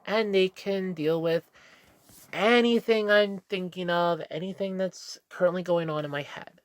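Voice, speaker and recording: Speaking to camera at home, a woman vlogger with a congested nose wanders through a casual, candid monologue, fixing her words as she goes. She has a fairly low pitch, talks a little slowly, and there's no echo.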